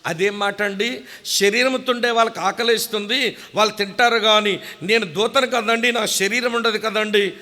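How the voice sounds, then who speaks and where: A man preaching, voicing a polite, calm male archangel who patiently explains himself. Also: sits high, moderate pace. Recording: long hall reverb.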